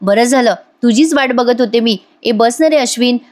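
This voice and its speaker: A sweet-talking, scheming young woman, as a woman voices her. She wheedles in a fairly high, sugary voice. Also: moderate pace, close to an everyday voice. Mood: wheedling.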